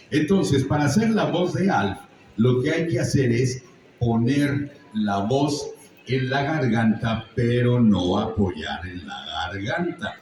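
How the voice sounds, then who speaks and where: Heard from afar in a big, echoey convention hall, this older voice actor with a Mexican accent shares stories with a live panel audience, chatty and joking while teaching. His tone is medium-pitched and a little mellow, with some hiss or hum on the recording.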